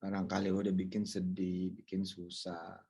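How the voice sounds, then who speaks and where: A man's voice: low voice, moderate pace, slightly rough. A man preaching in a loose, joking way, acting out other people's words in a raised voice. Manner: lively, jokey, acts out quoted people in a raised voice. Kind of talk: casual, joking sermon.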